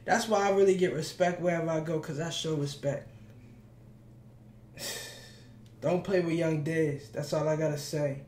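A man hosting a reaction video, talking casually while standing, hyped and full of shout-outs. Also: fairly high pitch, steady tone, normal speed, long pauses, slight background noise. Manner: talks standing up. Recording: echoey room with music playing.

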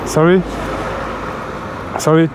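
A man's voice: takes it slowly, darkish tone. A young man, chatting casually and cheekily on a motorbike vlog. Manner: slangy, laughing, cheeky pickup lines. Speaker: motovlogger. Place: outdoors on a city street, on a motorbike. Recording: noisy street and engine sound.

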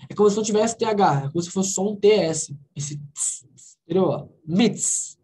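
A woman's voice: medium pitch, mellow, rough recording. Brazilian woman teaching English on a video call. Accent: Brazilian Portuguese. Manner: explains slowly, repeats English words, checks with students often. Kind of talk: online conversation class, explaining pronunciation.

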